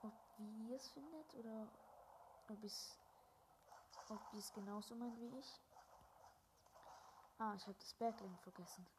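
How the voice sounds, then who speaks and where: Young gamer, headset, gameplay commentary, often whispers, mid pitch, faint background hiss. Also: unhurried, pauses often. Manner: often drops to a whisper, bursts into loud exclamations. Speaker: gaming video creator.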